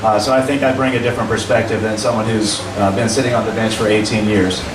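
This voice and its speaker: A man's voice: fairly low pitch, steady tone. Earnest man in his forties, distant and roomy. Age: 40s. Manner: measured, earnest, with frequent fillers when answering. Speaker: judicial candidate. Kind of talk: candidate forum speech and Q&A. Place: meeting room at a public forum. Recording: roomy, distant, noisy room recording.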